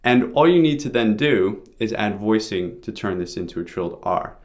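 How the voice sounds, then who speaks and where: A man's voice: on the low side, animated, moderate pace, a little mellow, a little hiss or hum. A man giving an informal pronunciation lesson, explaining sounds step by step as a teacher.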